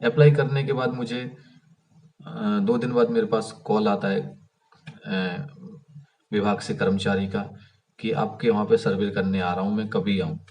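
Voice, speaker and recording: Distant, low-voiced man telling a grievance. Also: steady tone, a little slow, a little mellow. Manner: rambling, many restarts and fillers; aggrieved, complaining. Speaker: vlogger. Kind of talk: casual storytelling to camera. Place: outdoors by an unfinished house. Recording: voice heard from a distance.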